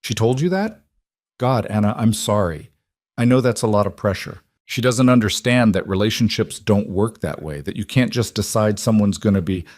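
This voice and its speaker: Storybook role: a man playing a weary, kind single dad, low voice, dry recording. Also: expressive, moderate pace, darkish tone, no room sound, natural voice. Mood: reassuring. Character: tired, kind working single father.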